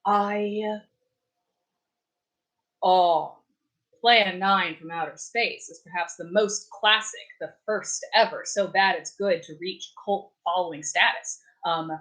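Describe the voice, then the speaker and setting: A woman's voice: on the low side, takes it slowly, a bit bright, low-quality recording. A young adult woman hosting a casual live stream from her apartment, chatting in a rambling way with many fillers and restarts. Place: warm apartment.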